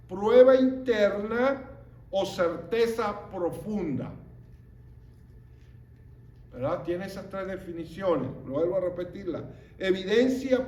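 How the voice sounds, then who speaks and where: Guy teaching bible class, slow and kinda high voice, lots of "right?" questions, echoey room. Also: a little mellow. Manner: explains slowly with frequent rhetorical questions. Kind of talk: Bible study lesson.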